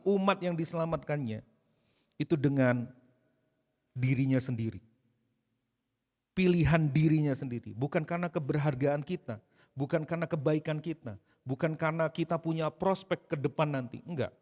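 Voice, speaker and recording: Animated male pastor preaching in a hall. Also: fairly high pitch. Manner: storytelling, animated, addresses congregation directly. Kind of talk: sermon. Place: church hall. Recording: long reverb in a hall.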